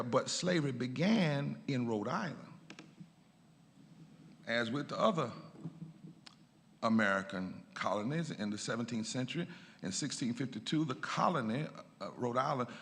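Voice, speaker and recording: Emphatic preacher lecturing in a reverberant church. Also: male voice, creaky, a bit bright. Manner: emphatic, climbs in pitch on key points. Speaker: pastor giving a lecture.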